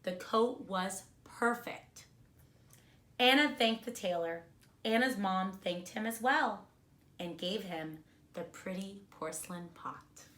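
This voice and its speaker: A woman reading a storybook aloud to young children in a kindergarten teacher voice, expressively and deliberately, explaining words simply as she goes. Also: mid-range voice, a bit bright.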